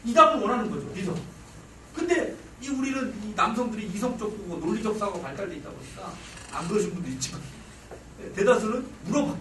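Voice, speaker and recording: Male lecturer, forties, high animated voice, acts out dialogue, distant mic in an echoey hall. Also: quick pace, slight background noise. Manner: animated, acts out family dialogue, jokes with the audience. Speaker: parenting lecturer. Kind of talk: lively lecture to an audience.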